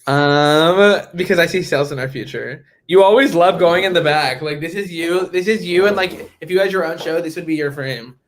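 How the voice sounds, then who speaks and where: A man co-hosting a casual podcast chat, joking and teasing in an animated way. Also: a little high, fairly quick, few pauses. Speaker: podcast co-host.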